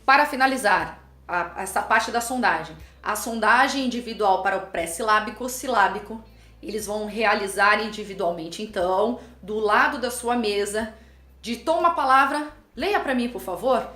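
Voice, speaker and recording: A woman teaching teachers in a lively way, often acting out what a teacher or pupil might say. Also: mid-range voice, normal speed. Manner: lively explaining, acts out teacher and pupil quotes. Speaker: teacher and educational psychologist. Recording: echoey room with faint music.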